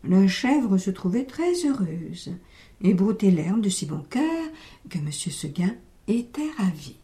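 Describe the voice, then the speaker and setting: A woman telling a story aloud in a gentle, measured, expressive reading. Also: medium pitch.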